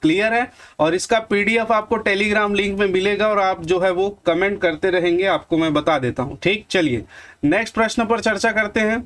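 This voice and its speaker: A man's voice: sits high, moderate pace, a bit bright. A man with a Chhattisgarhi accent teaching an exam-prep lesson, calling viewers friends and answering his own questions. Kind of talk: online lesson with examples.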